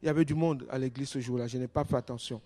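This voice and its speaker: A male pastor preaching a sermon in a church, telling stories with animation, his voice dropping to a hush and then rising loudly. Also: mid-range voice, very fast. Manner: animated storytelling, swings between hushed and loud.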